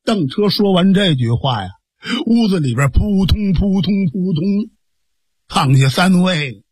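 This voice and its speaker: Male storyteller, high and husky, dramatic delivery, dry close recording. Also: measured pace, no room sound. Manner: lively, dramatic storytelling with exclamations. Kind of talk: Chinese storytelling performance. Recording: dry studio broadcast.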